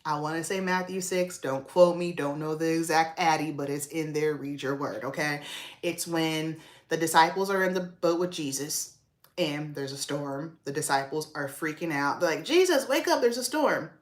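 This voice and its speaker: A woman's voice: deep voice, fairly even intonation, normal speed. A woman from the South, chatting casually to livestream viewers, often breaking into preachy asides and calling them y'all. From American South. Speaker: makeup artist and livestream host. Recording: roomy echo.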